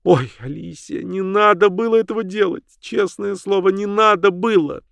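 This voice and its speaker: A man's voice: medium pitch, a little slow, dry recording, pitched above the performer's own voice, close to an everyday voice. A man doing a timid, anxious older woman. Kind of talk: audiobook character voice.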